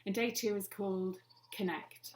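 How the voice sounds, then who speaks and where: A woman leads a guided wellbeing lesson at a mid-range pitch. She speaks calmly and eases her pace whenever she talks the listener through breathing steps. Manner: calm, slows down for breathing cues. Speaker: wellbeing workshop host.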